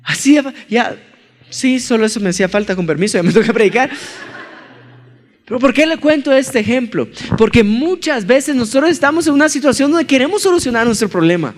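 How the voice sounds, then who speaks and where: Young male preacher, high voice, animated storyteller, church hall echo. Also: fairly quick. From Colombia. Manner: animated storyteller acting out scenes. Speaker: pastor. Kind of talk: sermon with humorous personal story.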